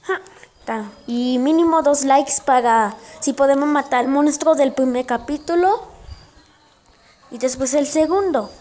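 A woman giving casual gameplay commentary for her channel, excitable and yelping often, with direct shout-outs to viewers. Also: sits high, unhurried. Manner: excitable, with frequent yelps and exclamations. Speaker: gaming channel host.

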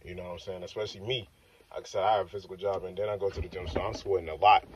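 A man's voice: low voice, fairly even intonation, racing, a little hiss or hum. A young man in a parked car, talking casually to his phone on the dashboard in a loose, rambling way that keeps circling back with "like I said.". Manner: loose, rambling, repeats "like I said" and "you know what I'm saying". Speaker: fitness vlogger. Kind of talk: casual self-filmed talk. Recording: dull, slightly distant phone audio.

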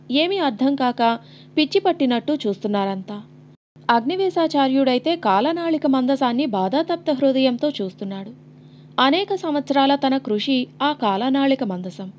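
Brief: woman audiobook narrator, high voice, dramatic delivery, slightly muffled recording. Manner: dramatic, expressive storytelling.

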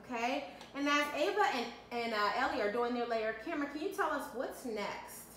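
A woman's voice: high-pitched, lively intonation, a little fast, a bit bright. A woman in her thirties leading a home cooking demo with her kids, upbeat and coaching them step by step, recorded in an echoey kitchen with faint background noise. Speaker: mother leading a kids' cooking segment. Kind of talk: home cooking demonstration with children. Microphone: camera mic from a few feet away.

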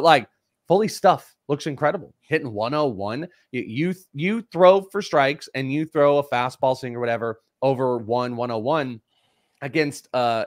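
A man chatting on a live fantasy baseball show as the prospect analyst, rattling off stats in quick conversational bursts. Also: mid-range voice, dry recording, clean studio sound.

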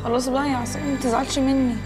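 Woman doing a shy egyptian girl apologizing, high and quick, music underneath. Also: flat delivery, natural voice. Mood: meek. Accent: Egyptian Arabic. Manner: meek and apologetic. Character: timid young female student, shy and pleading.

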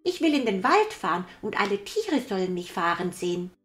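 Impatient little fairy-tale boy played by a woman: high, loud, demanding calls. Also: very animated, brisk, faint music behind. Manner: loud, insistent calling.

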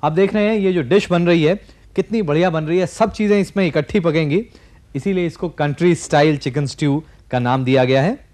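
A man's voice: on the high side, fairly quick, darkish tone. A man in his forties hosting a televised cooking demonstration in a studio kitchen, explaining each step directly to viewers. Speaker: TV cooking show host.

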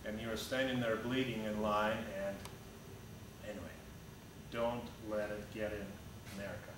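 With a fairly low pitch and normal speed, this Russian-accented man in his thirties, an airline pilot, chats bluntly through an informal slide presentation, frequently restarting and filling gaps with "uh" while standing and gesturing. He comes across far from the mic, since a camera at the back of a big hangar-like room records heavy echo and a steady hum.

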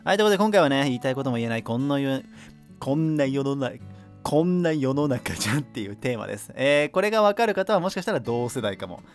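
Male radio host, casual solo talk, animated delivery, quick, faint guitar behind. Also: mid-range voice. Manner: chatty, lively, laughs at himself.

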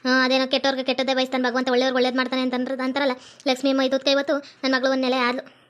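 A woman's voice: high voice, completely flat delivery, fairly bright tone. A woman playing a chatty, worried middle-aged village mother. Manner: chatty, fussing, quick-talking. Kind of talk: comedy skit acting.

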